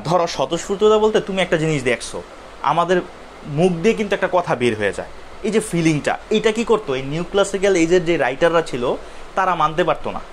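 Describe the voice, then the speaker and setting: A man's voice: fairly high pitch, a little hiss or hum. A young man from Bangladesh teaching a live literature class, asking questions and answering them himself. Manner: explains step by step, asks and answers his own questions.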